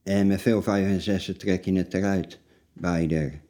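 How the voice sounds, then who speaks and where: A man of forty-seven, answering personal interview questions in a halting, blunt, plain-spoken way. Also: low voice, steady tone, warm tone. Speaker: interview guest telling his life story.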